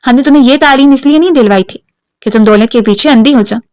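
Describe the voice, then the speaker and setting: A woman's voice: high-pitched, darkish tone, no echo, studio quality, close to an everyday voice. Stern angry father, read by a woman. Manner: stern, raised voice. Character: angry strict father, middle-aged.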